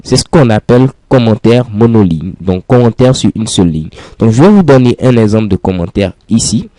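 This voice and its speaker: A man's voice: on the low side, animated, brisk, dark tone, no room sound. A man teaching a programming lesson in French over a screen recording, explaining patiently step by step and repeating key phrases. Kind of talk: screencast coding tutorial.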